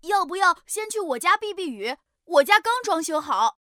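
A woman's voice: extremely high pitch, very animated, moderate pace, pushed and bright, no echo, studio quality, heavily acted. A cheerful, helpful beaver, voiced by a woman. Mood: kind. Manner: friendly, patient explaining. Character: kind, helpful young male beaver, cheerful and modest. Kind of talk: children's storybook audio.

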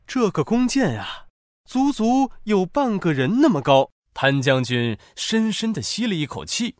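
A man narrating a children's story in an expressive, animated way. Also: high voice, a little slow, no room sound, studio quality.

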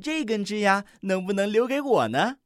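A happy little cuckoo from a children's storybook asks eagerly in a raised, lively voice, as a reader puts her on. The voice is dry and close. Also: medium pitch, moderate pace, no room sound, pitched above the performer's own voice, lightly acted. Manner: eager, asking.

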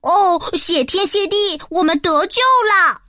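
A woman doing squeaky little goat kids. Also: animated, moderate pace, bright, forceful tone, no echo, studio quality, heavily acted. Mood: relieved. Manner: chanting, emphatic. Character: chorus of small excited young goats. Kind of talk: storybook narration.

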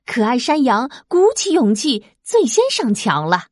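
A woman reading a children's storybook aloud, expressive and lively. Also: on the high side, breathy edge, dry recording, clean studio sound. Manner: slow, lively, expressive, sound effects.

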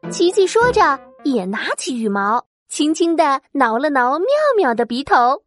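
Animated sing-song woman storyteller. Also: high-pitched, measured pace, soft background music. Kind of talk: children's story narration.

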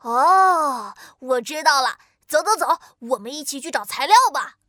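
Bright, high-pitched little girl inventor. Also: lively intonation, measured pace, dry recording, clean studio sound, full character voice. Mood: reassuring, eager. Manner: exclamatory, singsong, eager. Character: cheerful, clever little girl inventor, eager and curious. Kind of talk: children's audio story acting.

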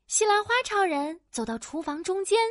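Animated woman narrating a children's story. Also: very high voice, moderate pace, dry recording, studio quality. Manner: animated, playful, sound-effect words.

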